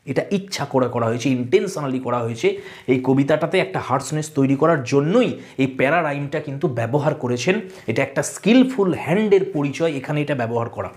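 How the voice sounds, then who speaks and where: A woman's voice: fairly low pitch, darkish tone. A woman teaching an online English poetry lesson. She explains step by step and asks and answers her own questions.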